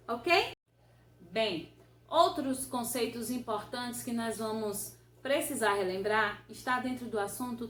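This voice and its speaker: A woman's voice: on the high side, slight background noise. A woman teacher, patiently explaining a grammar revision lesson and often checking that the listener follows. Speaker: Portuguese teacher. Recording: roomy echo.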